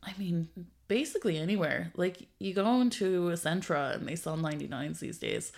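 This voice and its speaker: A woman co-hosting a podcast, chatting casually, playful and quick to giggle. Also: fairly low pitch, vocal fry, darkish tone. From Ireland. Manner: playful, giggly, drifts into silly bits. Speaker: podcast co-host. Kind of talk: casual comedic chat.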